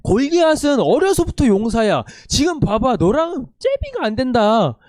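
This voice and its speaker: A man playing a blunt king who talks down to a boy, in his own lively preaching voice. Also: very high-pitched, moderate pace, dry recording, clean studio sound, pitched above the performer's own voice, full character voice. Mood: dismissive. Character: weary older king, doubtful of a boy.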